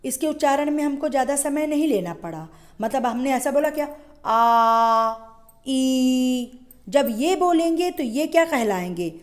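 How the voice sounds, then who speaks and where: A woman's voice: high voice, big pitch swings, fairly quick, warm tone. A woman schoolteacher giving a Hindi grammar lesson, asking questions and answering them herself, drawing out example sounds. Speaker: school teacher.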